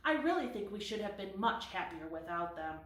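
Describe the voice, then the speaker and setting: A woman's voice: mid-range voice, big pitch swings, a little fast, natural voice. A woman voicing a sad, fretful kitten sister who speaks with a sorrowful sigh. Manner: sorrowful, sighing. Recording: roomy echo, mic at a distance.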